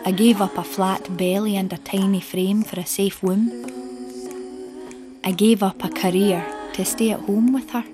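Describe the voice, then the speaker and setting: A woman performing a spoken-word poem in a soft, measured, intimate way. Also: mid-range voice. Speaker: poet. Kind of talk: slow spoken-word poetry.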